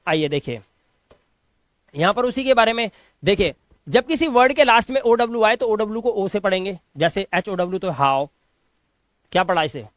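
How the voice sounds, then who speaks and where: Male teacher, high pitch, dry close mic, repeats each example word. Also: a bit bright, no echo. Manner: repeats questions and drills words aloud. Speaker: English teacher. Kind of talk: classroom explanation.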